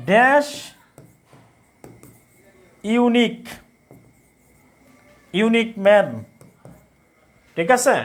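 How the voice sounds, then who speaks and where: A man's voice: very high voice, fairly bright tone. A man teaching English grammar in a live online class, asking questions and repeating the answers to drill his students. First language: Bengali. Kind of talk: live online class, reading chat comments.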